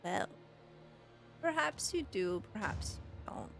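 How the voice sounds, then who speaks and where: A woman voicing a small, smug imp servant in a tabletop game, speaking in a tiny, measured, taunting voice. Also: medium pitch, big pitch swings, vocal fry, over music, full character voice. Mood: smug, cryptic.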